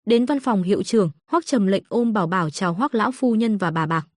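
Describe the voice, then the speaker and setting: A woman narrating a comic story in an even, steady reading. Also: medium pitch, a little fast, no room sound, studio quality.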